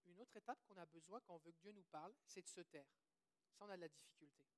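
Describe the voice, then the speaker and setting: A woman's voice: lowish voice, quick pace. A woman with a Québécois French accent preaching a sermon, quoting scripture, asking the audience questions and leading prayers. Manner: earnest, asks the audience questions, quotes scripture.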